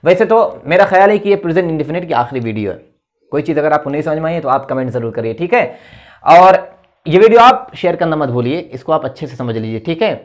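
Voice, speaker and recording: A man's voice: on the high side, expressive, fast. Man explaining English grammar. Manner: patient, repetitive explaining with frequent checks. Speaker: English teacher. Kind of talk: online grammar lesson.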